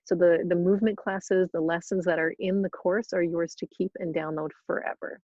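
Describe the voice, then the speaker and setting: A woman's voice: lowish voice, steady tone, normal speed, darkish tone, no room sound, dull audio. A woman hosting a casual live Q&A webinar, chatting in a bubbly way with frequent restarts and laughter. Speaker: yoga teacher trainer hosting a webinar. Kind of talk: casual live Q&A, reading questions aloud. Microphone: video call.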